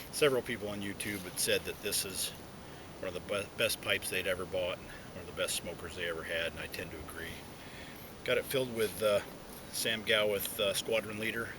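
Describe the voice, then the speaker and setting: A pipe-smoking video blogger sits inside a hollow tree outdoors, chatting casually and reflectively to his viewers on his own. He speaks haltingly around the pipe in his mouth, and the noisy outdoor recording carries a low rumble.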